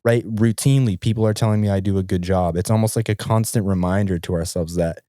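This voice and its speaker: Deep-voiced man host with a sick voice. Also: steady tone, quick pace, mellow, dry recording, studio quality. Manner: earnest, coaching questions. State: sick, low voice. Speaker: podcast host. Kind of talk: conversational interview.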